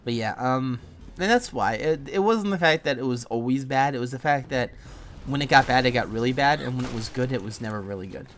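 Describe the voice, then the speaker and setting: A man streaming a game and chatting loosely with a friend. He rambles, restarts his sentences and swears freely. His voice has an ordinary middle pitch, with faint noise in the background. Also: a little fast, a bit bright. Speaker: gaming streamer. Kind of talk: casual chat while playing.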